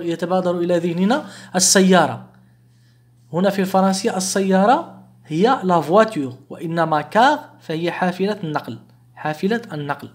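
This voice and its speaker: Guy teaching a beginner class, says examples real slow then explains fast, patient and repetitive. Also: high voice. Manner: repeats French examples slowly and clearly, then explains briskly; patient, step-by-step explaining with many restatements. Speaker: French teacher. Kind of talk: online language lesson.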